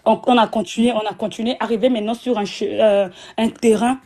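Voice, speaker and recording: Woman, fairly high and mellow voice, earnest testimony, lots of restarts. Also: fairly even intonation, brisk. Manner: repetitive, retells with many fillers and restarts. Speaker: guest giving a religious testimony. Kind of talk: emotional personal testimony.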